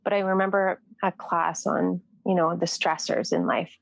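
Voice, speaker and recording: A woman's voice: on the low side, fairly even intonation, normal speed, gravelly, no echo. A woman nurse from Canada, speaking earnestly in a podcast interview and often repeating phrases as she searches for words. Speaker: nurse guest. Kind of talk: podcast interview, personal reflection.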